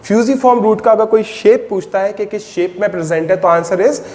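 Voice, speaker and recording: A man teaching biology in a mix of Hindi and English, asking the class short questions and answering them himself, and slowing down to dictate definitions. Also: sits high, a little mellow. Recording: long reverb, faint background noise.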